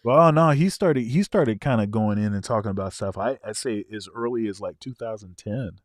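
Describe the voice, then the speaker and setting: A man's voice: on the low side, moderate pace, no echo, studio quality. A man co-hosting a casual reaction show, talking things through and often repeating his words as he explains. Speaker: co-host.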